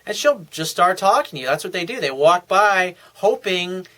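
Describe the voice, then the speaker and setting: Bright-voiced tired man giving advice. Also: high-pitched, animated, moderate pace. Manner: loose, conversational, with many fillers and restarts. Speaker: dating coach. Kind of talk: casual advice monologue.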